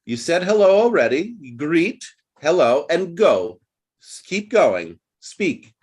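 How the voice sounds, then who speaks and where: A man's voice: on the high side, sing-song, slow pace, darkish tone, slightly rough. A man leading an online group English lesson over a video call, patient and coaching, repeating phrases for his learners. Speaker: English teacher.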